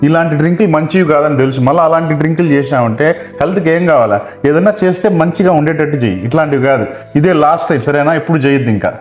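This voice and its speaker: A man's voice: a little high, very fast, a little mellow. A man acting as the husband in scripted comedy skits, lecturing in an exasperated way. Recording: echoey room with music behind.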